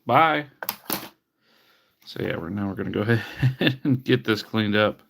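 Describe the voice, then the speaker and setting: A livestreamer who repairs retro handhelds chats casually while cleaning an old console, his lowish voice expressive, measured, fairly bright, slightly rough and marked by vocal fry. Allergies leave him a bit sniffly, and he tosses off wry, mock-disgusted asides as he works.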